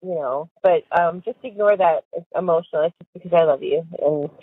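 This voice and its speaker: A woman's voice: on the low side, brisk, slightly rough, no room sound. Chatty giggly woman on a prison phone. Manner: chatty, giggly, full of fillers like "like". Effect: recorded prison phone call. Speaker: caller to an inmate. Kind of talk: casual phone chat. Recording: tinny, dry phone line.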